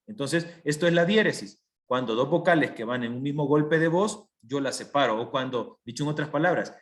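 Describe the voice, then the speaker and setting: A man's voice: fairly high pitch, fairly quick. A male teacher giving an online language lesson, explaining step by step and often checking that his students follow. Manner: patient, explains step by step with frequent checks for understanding. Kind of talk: online class lecture.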